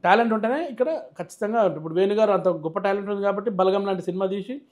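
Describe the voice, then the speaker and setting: Fast-talking comedian. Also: male voice, high-pitched. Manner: animated, rapid storytelling. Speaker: comedian guest. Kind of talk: casual interview chat.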